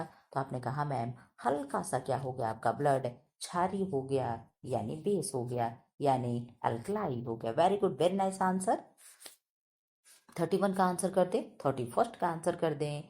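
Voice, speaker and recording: A woman with a heavy, deep voice teaching an online exam-prep quiz, speaking loudly and emphatically, repeating questions back to students. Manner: loud, emphatic, scolding-friendly teacher. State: sore throat.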